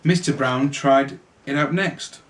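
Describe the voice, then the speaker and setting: A father reads a children's storybook aloud to his family in a medium-pitched, slow voice, with music playing behind him. As an amateur reader, he sometimes stumbles and then corrects himself.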